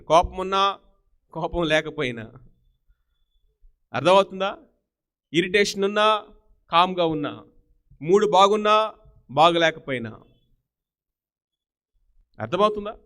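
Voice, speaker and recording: Animated, higher-voiced male preacher. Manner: animated preaching with rhetorical questions; mixes English words into the talk. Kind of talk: sermon.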